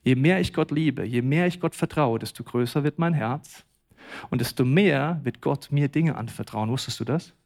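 A man preaching a sermon, swinging from quiet to loud and emphatic. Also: medium pitch, normal speed, creaky. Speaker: pastor.

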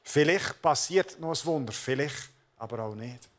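A man's voice: medium pitch, expressive, moderate pace. A man, a pastor preaching a sermon, speaking earnestly and addressing the listeners directly.

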